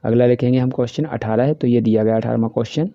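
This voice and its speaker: A man with a Hindi accent teaching a class worksheet, explaining each answer step by step and reading the English questions slowly. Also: medium pitch, steady tone, vocal fry, dry recording. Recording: dry, dull lo-fi voice-over.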